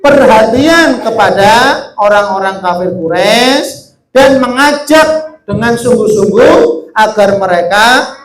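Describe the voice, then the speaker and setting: High-voiced teacher questioning his class. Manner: call-and-response questioning. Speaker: religious teacher. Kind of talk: lesson to children. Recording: echoey room.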